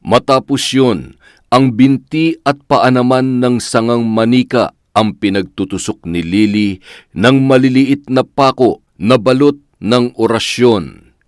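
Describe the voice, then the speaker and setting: A man narrating a scripted horror story in a measured, dramatic storytelling way. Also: medium pitch, no room sound, studio quality.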